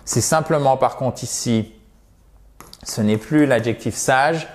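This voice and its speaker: A man giving a video English lesson, explaining suffixes and stressed syllables and repeating example words slowly and carefully. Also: medium pitch. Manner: addresses viewers warmly as "chers amis". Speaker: English teacher.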